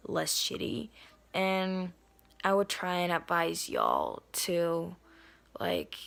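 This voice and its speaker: Speaking to the camera from inside their home, a young adult nonbinary vlogger, a native Spanish speaker, talks in a casual, earnest way packed with ums and likes. The voice is medium-pitched, fairly bright, and slightly hoarse and raspy.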